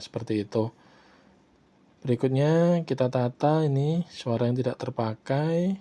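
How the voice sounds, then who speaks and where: A man calmly walking viewers through a video editing tutorial, stopping often to check in with his audience. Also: medium pitch. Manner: unhurried, repeats "ya, teman-teman" often. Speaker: tutorial host. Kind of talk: screen-recorded software tutorial.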